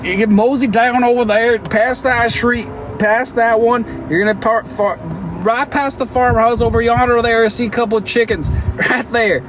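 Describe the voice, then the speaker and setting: A man putting on a Southern accent as a folksy country man giving directions, drawling slowly. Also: very high-pitched, steady tone, pitched above the performer's own voice. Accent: American Southern. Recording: distant mic with street noise.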